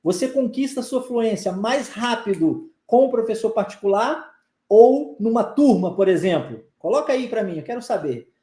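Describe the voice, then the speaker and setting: A man's voice: sits high, expressive, normal speed, dark tone, reverberant. A man with a Brazilian Portuguese accent gives a live online English pronunciation lesson, coaxing his viewers and drilling phrases through repetition. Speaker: English teacher.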